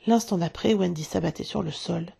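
A woman narrating a storybook in a hushed, dramatic way, often dropping to a whisper. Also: lowish voice, a little fast, vocal fry, breathy edge. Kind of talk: storybook reading.

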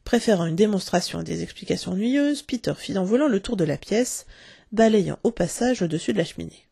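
Husky, gravelly woman reading a story aloud. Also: medium pitch, a little fast, no room sound, clean studio sound. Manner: expressive storytelling, acting out the characters. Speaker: narrator.

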